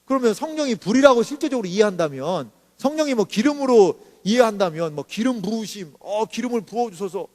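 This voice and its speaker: A man's voice: sits high, animated, fairly quick, few pauses, a little mellow, in a large hall. A male pastor preaching a sermon in a chatty way, often asking the congregation questions.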